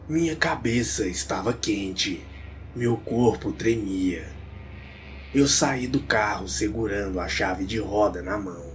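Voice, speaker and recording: A man narrating a horror tale in a slow, grave, suspenseful manner. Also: fairly low pitch, slight background noise. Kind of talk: dramatic storytelling.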